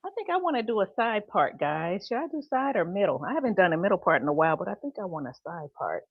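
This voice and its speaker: A woman in her fifties chats through a casual hair-styling livestream. Her pitch bounces around a lot, and she laughs easily as she talks. The sound is dull and dry, close and without room echo. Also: big pitch swings, fast, husky. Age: 50s. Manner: chatty, laughs easily, reads out viewer comments. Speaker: host.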